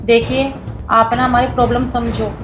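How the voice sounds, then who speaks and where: A woman's voice: on the high side, flat delivery, moderate pace, echoey room, slight background noise, natural voice. A woman playing a pleading young tenant. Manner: pleading, defensive, explanatory. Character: struggling young female tenant, pleading but firm. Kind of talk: low-budget comedy film acting.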